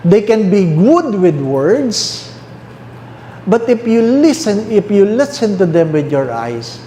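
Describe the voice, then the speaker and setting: Filipino priest guy preaching, slightly high voice, roomy echo, faint hum behind. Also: big pitch swings, warm tone. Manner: mixes English and Tagalog, asks the listeners questions; repeats key phrases slowly. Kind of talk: sermon.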